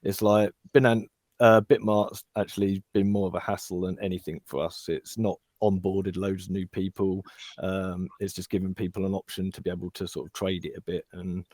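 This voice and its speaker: Low flat British man on a voice chat. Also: brisk, no echo, studio quality. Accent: British English. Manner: chatty, plain-spoken, uses British slang. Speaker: crypto project team member. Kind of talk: casual voice chat Q&A.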